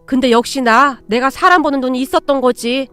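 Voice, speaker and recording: A woman's voice: sits high, a little fast, bright, forceful tone, clean tone, soft background music. A woman voicing a jovial, approving older father-in-law in a storybook reading. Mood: hearty. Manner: hearty, praising.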